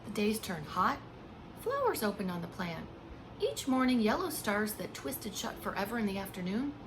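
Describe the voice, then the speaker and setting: With a sing-song lilt at a normal pace, a preschool teacher reads a picture book to small children in her medium-pitched voice. She's expressive, sometimes dropping to a hush, and breaks in with chatty asides, simple explanations, and questions; background noise is clearly audible.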